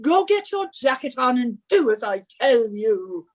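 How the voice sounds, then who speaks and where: In a suspense radio play, a woman portrays a professor's bossy, scornful British wife who nags and scolds imperiously. Her fairly high voice is very animated and slightly slow, with a bossy, impatient mood.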